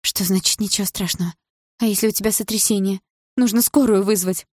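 A woman reading an audiobook, voicing a panicky, shrill mother who pleads and cries out in fear. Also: steady tone, a little fast, a little mellow, no echo, studio quality, close to an everyday voice. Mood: anxious. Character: shrill frightened mother, middle-aged woman.

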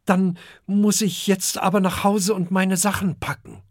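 A man's voice: high voice, little pitch movement, measured pace, dry recording, studio quality, pitched above the performer's own voice. Man doing a proud little dragon boy. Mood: eager, proud. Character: boastful little dragon boy who can swim.

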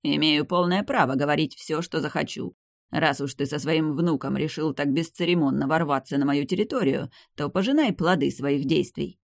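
Reader doing cold old grandpa, clan boss, storybook, slow and cutting. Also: mid-range voice, vocal fry, no echo, clean studio sound, natural voice. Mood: contemptuous.

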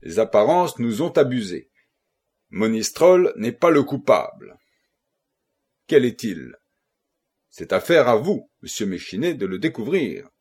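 A man reading the lines of a worried, formal male judge who speaks in a measured, concluding way. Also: medium pitch, big pitch swings, darkish tone, husky, heavily acted. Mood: troubled.

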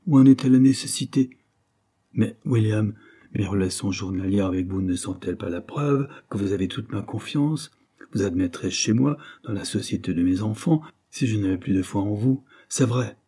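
A man's voice: on the low side, moderate pace, mellow, slightly rough. A man voicing a genial, good-humoured middle-aged mill owner, speaking heartily. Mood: reassuring. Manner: hearty, laughing delivery.

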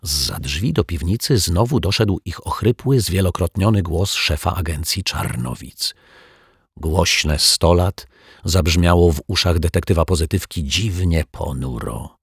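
Very husky, deep-voiced male storyteller. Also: animated, unhurried, dry recording, studio quality. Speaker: narrator. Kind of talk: audiobook storytelling.

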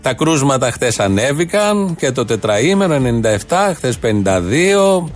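A man's voice: mid-range voice, big pitch swings. A man hosting a satirical news show, reading items in a mock-serious, sarcastic way.

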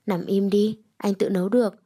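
A woman's voice: medium pitch, level tone, moderate pace, mellow, husky, natural voice. A woman voicing a protective, domineering young man in a read-aloud romance story, speaking in short, bossy lines. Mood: curt. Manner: curt, bossy.

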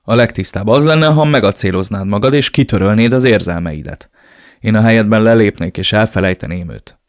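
A man's voice: lowish voice, close to an everyday voice. A man reading an audiobook, voicing a blunt, loyal male friend who scolds and urges with emphatic, raised delivery. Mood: urging.

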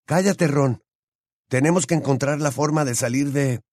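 A man's voice: medium pitch, steady tone, normal speed, darkish tone, no echo, studio quality, pitched above the performer's own voice, close to an everyday voice. A man voicing a determined teenage boy in an audiobook, firm and urgent.

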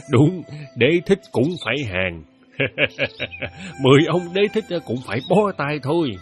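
An actor playing a proud but courteous village chess master who chuckles easily. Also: male voice, medium pitch, big pitch swings, normal speed, soft background music, lightly acted. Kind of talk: radio play acting.

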